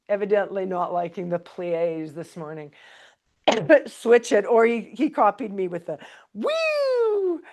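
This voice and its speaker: A woman's voice: medium pitch, a little mellow. Woman cueing a pilates class. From Canada. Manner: encouraging cueing with counts and breath calls; chatty, laughs between cues. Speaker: pilates instructor. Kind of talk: live exercise class instruction.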